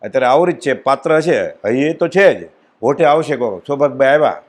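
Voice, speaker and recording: At a satsang, a spiritual speaker gives a devotional discourse built around stories, acting out the dialogue with sudden swings in pitch and loudness. He talks at a normal speed and tells the stories with animation.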